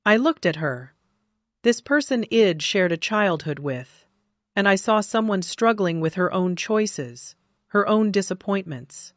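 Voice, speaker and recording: A woman narrating a first-person family story in a calm, even, scripted way. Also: mid-range voice, measured pace, dry recording, studio quality.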